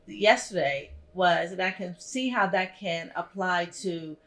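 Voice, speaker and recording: A woman's voice: on the low side, a little slow, fairly bright tone. A woman in a casual motivational chat, talking reflectively in short, affirming phrases.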